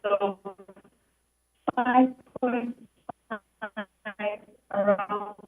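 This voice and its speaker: A woman giving a technical presentation over a remote call whose audio keeps breaking up, so her speech comes out halting and in fragments. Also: mid-range voice, steady tone. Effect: call audio breaking up and cutting out. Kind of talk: technical presentation at a public meeting. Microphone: remote call into the meeting. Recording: thin phone-like call audio from afar.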